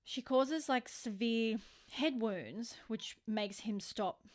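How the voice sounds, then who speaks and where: Slow and slightly high, this woman's voice belongs to a podcast co-host who tells true-crime stories in a loose, conversational style, leaning hard on certain words for emphasis.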